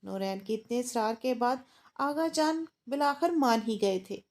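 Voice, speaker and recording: A woman narrating a romance novel in a steady, plain storytelling manner. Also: a little high, measured pace.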